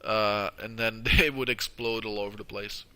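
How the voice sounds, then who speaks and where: A man giving casual, halting video game walkthrough commentary, crowded with uhs, sounding stuffed up from tissue in his nose. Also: fairly low pitch, steady tone, pushed and bright, smooth. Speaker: gameplay video host.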